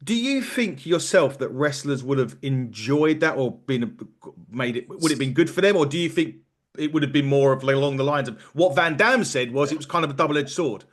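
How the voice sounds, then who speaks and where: A man's voice: mid-range voice, expressive, normal speed. English male podcast host, mid-range voice, chatty interview style with long, looping questions. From England. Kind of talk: conversational interview hosting.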